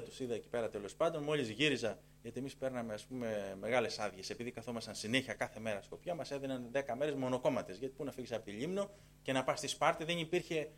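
A middle-aged man telling a personal conversion testimony in a lively way. He repeats phrases for emphasis and acts out the dialogue. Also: medium pitch. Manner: acts out dialogue in changing tones. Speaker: church member giving a testimony.

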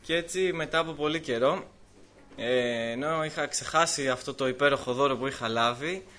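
Bright-voiced man sharing a church testimony. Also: medium pitch. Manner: lively storytelling that voices the people in his story. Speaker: church member giving testimony.

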